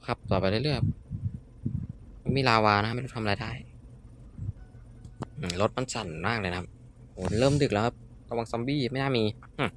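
A man's voice: mid-range voice, brisk, pauses often, noisy background. A young man chatting casually as he plays, joking at himself and blurting out sudden exclamations. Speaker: gaming YouTuber. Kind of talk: casual Minecraft let's-play commentary.

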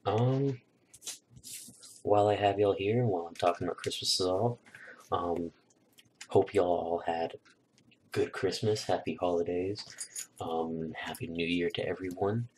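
A man's voice: low-pitched, unhurried, long pauses, slight background noise. A young man casually telling a holiday story on his vlog, rambling with lots of fillers, recorded on a new desk microphone. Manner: relaxed, rambling, filler-heavy. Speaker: YouTuber.

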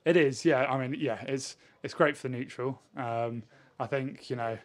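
Indoors against a sponsor backdrop, a man in his twenties who plays professional rugby as a winger responds to post-match questions in a measured manner. His voice is mid-range with fairly even intonation, picked up by a handheld interview mic held at chest height.

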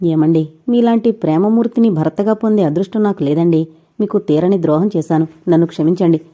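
A woman's voice: on the low side, a little fast, warm tone, natural voice. A woman voicing a weepy young woman resigned to her fate, in an audio novel. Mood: tearful. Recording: dull lo-fi recording.

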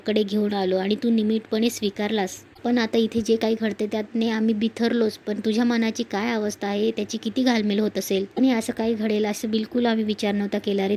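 A woman voicing a worried middle-aged father in a quick, level storyteller's voice. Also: mid-range voice, darkish tone, slight background noise, natural voice.

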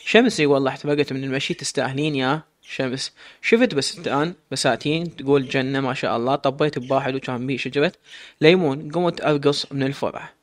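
A man voicing a spirited, sharp-tongued teenage girl in an audio story. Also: medium pitch, natural voice. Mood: lively. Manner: quick retorts, blunt.

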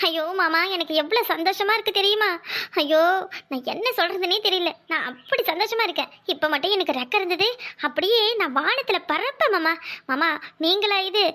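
A woman's voice: extremely high pitch, sharp tone. A woman voicing a devoted young wife in a cartoon, pleading and affectionate. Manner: pleading, sing-song and affectionate. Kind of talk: cartoon voice acting.

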